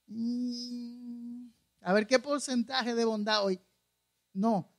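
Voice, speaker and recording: Guy preaching a sermon, keeps asking the crowd stuff, acts out the bible quotes. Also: high voice. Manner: conversational preaching with frequent rhetorical questions to the congregation; retells scripture stories with acted-out quotes. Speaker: pastor.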